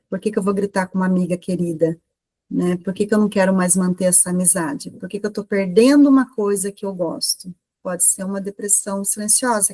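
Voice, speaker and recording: A woman's voice: mid-range voice, darkish tone, no room sound. Brazilian lady giving a talk to a group, keeps asking rhetorical questions, dry sound, medium voice. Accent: Brazilian Portuguese. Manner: conversational, full of rhetorical questions and tag questions. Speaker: guest speaker at a women's group meeting.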